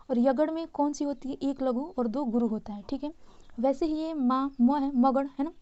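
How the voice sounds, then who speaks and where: A woman's voice: high voice, darkish tone. A woman teacher, patiently explaining grammar notes and checking in often with her listeners. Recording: dull lo-fi sound.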